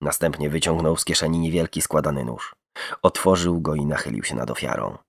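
Deep gravelly male true crime narrator. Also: a little fast, no echo, clean studio sound. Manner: dramatic, shifts tone for quoted speech.

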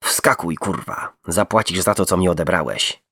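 A man's voice: sits low, expressive, normal speed, bright, forceful tone, slightly rough, dry recording, clean studio sound, full character voice. A man voicing a cold, metallic-toned vengeful killer. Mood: menacing.

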